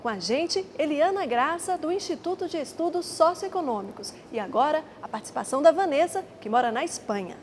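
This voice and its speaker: A woman's voice: sits high, expressive, brisk, few pauses. A woman TV host, presenting the show and putting questions to a guest. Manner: clear presenter delivery. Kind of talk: studio interview hosting.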